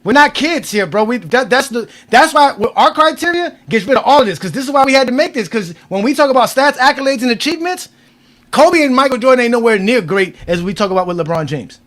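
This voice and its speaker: A man's voice: very high voice, expressive, fast, a bit bright. A man in his forties, host of a sports debate show, arguing insistently and repeating his points. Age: 40s. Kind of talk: heated debate.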